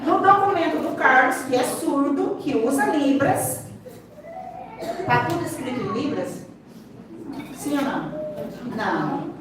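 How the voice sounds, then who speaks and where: A Brazilian woman, a seminar speaker who teaches and interprets sign language, gives an interactive lecture in Brazilian Portuguese, teaching emphatically with rhetorical questions and repeated key points. Her voice is high-pitched with lively intonation, unhurried and full of pauses, heard over a noisy crowd. She is far from the microphone in a large, echoey hall, with clear background noise.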